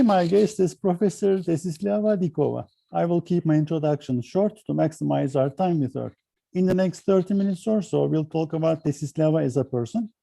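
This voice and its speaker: Gravelly, dark-voiced male interviewer. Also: fairly high pitch, no room sound. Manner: reads list of credits, hesitant fillers. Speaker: interview host. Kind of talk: interview hosting, reading an introduction.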